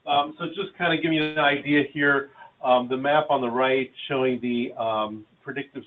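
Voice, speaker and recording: A man, a meteorologist, presenting on a webinar over a video call, halting often to pause and restart. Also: mid-range voice, fairly even intonation. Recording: tinny phone-like call audio.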